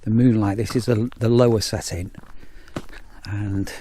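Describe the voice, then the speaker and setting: Outdoors, a man in a campsite warden role rambles chattily through a casual vlog reviewing a torch, filmed on an action camera, frequently dropping in "as I say." His voice sits on the low side, steady and mellow, and he speaks a bit slowly. There is a little hiss or hum on the recording.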